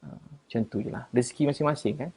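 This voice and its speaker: A man with a Malaysian Malay accent, chatting casually on a live stream as he answers viewers and defends himself, getting louder and higher at times. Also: fast talker, gravelly, slightly rough.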